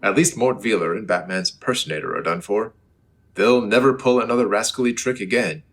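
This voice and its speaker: A man's voice: lowish voice, brisk, a bit bright. An actor playing Superman as an earnest, declamatory hero in the style of an old-time radio serial. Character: Superman, heroic earnest man, also mild-mannered reporter Clark Kent.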